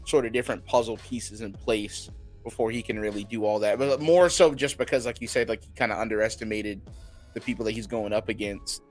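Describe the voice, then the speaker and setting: A man's voice: lowish voice, brisk, soft background music. A man co-hosting an anime podcast, laid-back and laughing often, with casual swearing. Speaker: podcast co-host. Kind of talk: casual chat.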